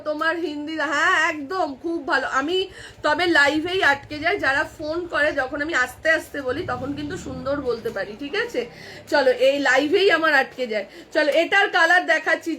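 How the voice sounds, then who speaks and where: Kolkata Bengali shop seller, woman, live-stream pitch, very high and sharp, phone-mic sound. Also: slight background noise. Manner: chatty, addresses viewers directly, counts off sizes. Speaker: online clothing seller. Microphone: phone camera.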